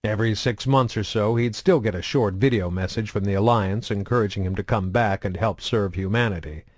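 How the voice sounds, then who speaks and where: A man narrating a science fiction novel in a steady, measured reading style. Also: fairly low pitch, dry recording, clean studio sound. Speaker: audiobook narrator. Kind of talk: audiobook narration.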